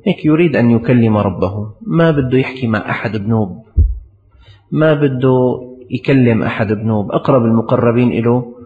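A man delivers a storytelling sermon, hammering his points home through repeated phrases. His voice sits at an ordinary middle pitch. The recording carries a long hall reverb and a dull, lo-fi tone. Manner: storytelling, repetitive emphatic phrasing. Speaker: preacher.

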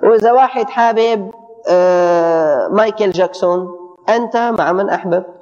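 A man giving a colloquial religious lesson, animated, often stumbling and repeating words for emphasis. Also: high voice, normal speed. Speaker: religious teacher. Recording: dull audio with long hall reverb.

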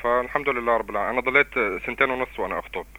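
A man's voice: mid-range voice, rapid-fire, bright, forceful tone, rough recording. A man calling a radio show, speaking earnestly and hesitantly with many fillers. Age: 30s. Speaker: caller.

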